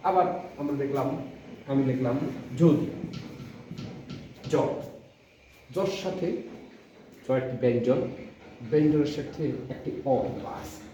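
A man with a Bangladeshi Bengali accent, a college lecturer teaching pronunciation, speaking deliberately in short halting phrases and repeating example words slowly. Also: medium pitch, mellow, slight background noise. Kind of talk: spoken classroom lesson. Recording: echoey room, distant mic, dull sound.

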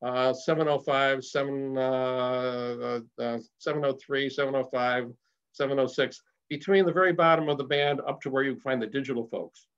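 A man's voice: mid-range voice, fairly even intonation, moderate pace, fairly bright tone, clear, resonant tone. Enthusiastic older man presenting, filler-heavy. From Rochester area, United States. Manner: rambling, with many fillers and restarts, enthusiastic. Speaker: presenter at a radio club talk. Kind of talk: informal slide presentation. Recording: slightly dull lo-fi sound.

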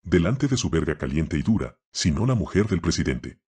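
A man narrating an audiobook in a steady, unhurried storytelling manner. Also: low voice, husky.

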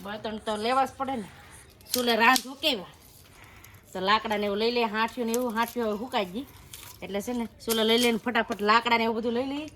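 A woman's voice: a little high, steady tone, brisk, background noise. A woman narrating a casual family cooking vlog by a wood-fire stove at her village home, chatty and teasing. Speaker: family vlogger.

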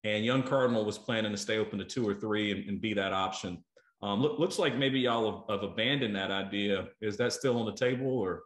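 Guy hosting a food chat on a video call, lowish voice, lots of ums and restarts, roomy sound. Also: fairly quick. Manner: repeats words, many fillers, thinking aloud. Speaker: interviewer, food show host. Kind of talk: casual video-call interview. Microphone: earbuds on a video call.

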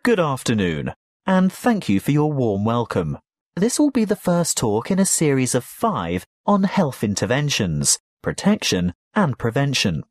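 A man playing a health lecturer, giving a scripted academic lecture with measured, explanatory delivery. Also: mid-range voice, wildly swooping pitch, no echo, studio quality. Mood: formal, instructive. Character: male health lecturer addressing young students.

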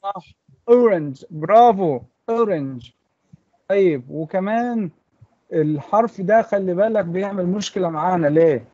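High-voiced Egyptian teacher drilling letters. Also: male voice, moderate pace, dark tone, dull audio. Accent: Egyptian Arabic. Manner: patient drilling, repeating words for pupils to echo. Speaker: English teacher. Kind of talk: online English class for children. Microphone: computer mic in an online class.

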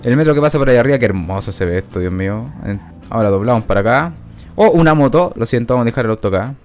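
Male gameplay commentator; lively, rambling, self-mocking, faint music underneath. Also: medium pitch, rapid-fire. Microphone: new studio microphone.

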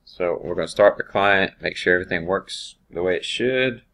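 A man teaching automation software over a screen recording, thinking aloud with ums and restarts. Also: low voice, normal speed. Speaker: automation instructor.

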